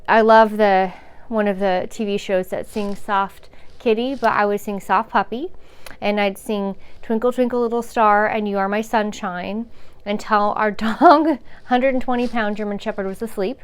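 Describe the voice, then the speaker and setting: A woman's voice: mid-range voice, fairly even intonation, moderate pace, smooth. A woman telling a frank, rambling personal story about caregiving, with restarts, swearing and chuckles. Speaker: caregiver sharing her story.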